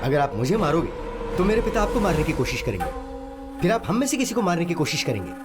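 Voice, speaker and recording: An actor dubbing a principled officer who speaks earnestly and persuasively in a Hindi film dub. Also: male voice, fairly high pitch, big pitch swings, fast talker, loud music behind the voice. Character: calm, principled young male officer. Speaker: officer, hero.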